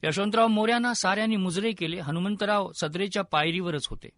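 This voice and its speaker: Bright high-voiced male storyteller. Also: fast, no echo. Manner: vivid, expressive storytelling. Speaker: narrator. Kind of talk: dramatic storytelling narration.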